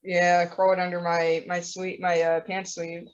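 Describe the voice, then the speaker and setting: A woman's voice: fairly low pitch, little pitch movement, a little slow. A young woman chatting casually on a podcast, rambling with plenty of fillers. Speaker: podcast co-host. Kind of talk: casual chat. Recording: dull lo-fi audio.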